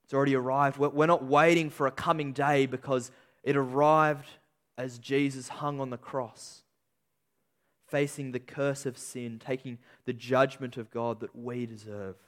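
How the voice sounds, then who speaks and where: A man preaching a sermon with an emphatic delivery, slowing on key phrases and swinging between loud peaks and quiet endings. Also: mid-range voice, fairly even intonation. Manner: emphatic, rising and falling delivery with slow stressed phrases.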